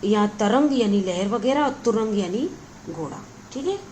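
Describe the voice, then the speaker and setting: A woman teacher explains a grammar lesson at a steady, patient pace, repeating key words and pausing often to check her listeners follow. Her pitch sits in the middle range, and a faint hiss runs under the recording. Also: poor audio.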